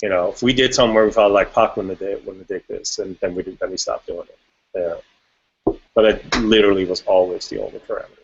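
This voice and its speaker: A man from Switzerland talks casually as an interview guest, rambling and restarting his thoughts. His voice sits low. The recording is dull and lo-fi. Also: fast, noisy background. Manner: relaxed, rambling, frequent restarts and fillers. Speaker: guest music producer. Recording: dull lo-fi audio.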